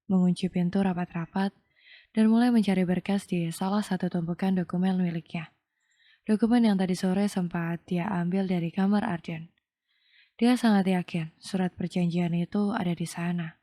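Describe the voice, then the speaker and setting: A woman tells a romance story aloud in a calm, measured way. Her voice sits low, with a dark, warm tone. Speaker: narrator. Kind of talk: scripted audio novel narration.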